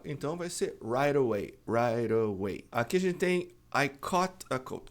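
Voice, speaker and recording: A man with a Brazilian Portuguese accent giving a video lesson on pronunciation as an English teacher, repeating each example word slowly and carefully. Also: fairly high pitch.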